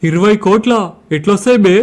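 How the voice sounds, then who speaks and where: A man's voice: sits high, fast talker, noisy background, natural voice. A man playing a brash, crude male campaign worker who threatens voters, in a Telangana Telugu accent. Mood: crude boastful.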